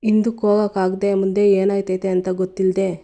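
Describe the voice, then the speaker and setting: A woman's voice: mid-range voice, little pitch movement, a little fast, mellow, lightly acted. Woman voicing a despairing young man.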